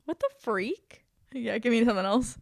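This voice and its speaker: A woman's voice: on the high side, lively intonation, normal speed, creaky, no echo, studio quality. A young woman co-hosting a podcast in casual chat, talking freely with lots of fillers and giggles. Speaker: podcast co-host.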